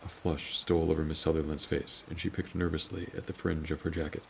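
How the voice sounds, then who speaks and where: A man with a deep, firm voice reading literary narration from a script, as an audiobook narrator. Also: level tone, brisk, gravelly. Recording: rain noise behind the reading. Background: rain ambience.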